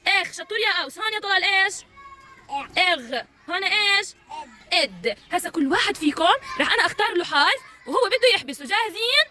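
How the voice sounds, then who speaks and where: Very high-pitched, lively woman teacher. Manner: energetic, encouraging, calling out to children. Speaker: preschool teacher. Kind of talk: leading a children's letter game.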